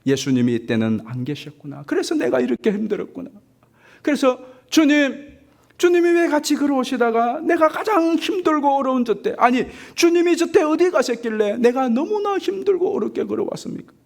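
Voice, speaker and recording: A man's voice: very high-pitched, sing-song, fairly quick, gravelly, pitched above the performer's own voice, exaggerated voice. A man preaching, voicing a distressed dreamer who pleads with Jesus and asks why he was left alone. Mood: pleading, reproachful. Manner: pleading, reproachful questioning.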